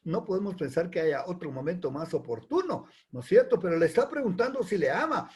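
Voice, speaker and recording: A man preaching a sermon, animated, acting out quoted prayers and dialogue. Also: high voice, fairly quick, husky.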